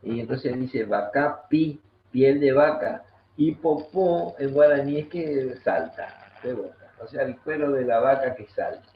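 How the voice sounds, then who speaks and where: A man's voice: mid-range voice, a little slow. A man with an Argentine accent, a guest teacher patiently explaining things in an online talk and repeating key words rhythmically. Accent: Argentine Spanish. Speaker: guest teacher of Guaraní language and culture. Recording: echoey muffled room with faint noise.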